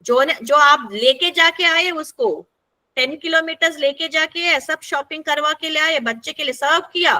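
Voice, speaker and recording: A woman's voice: high voice, a little slow, bright, forceful tone. A woman facilitating an interactive workshop for a group, talking conversationally and often checking in with her listeners.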